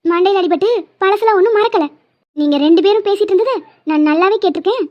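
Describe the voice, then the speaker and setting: A woman's voice: extremely high pitch, fast. A woman voicing a blunt young woman in a cartoon drama, talking in a bossy, blunt way. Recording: dull lo-fi.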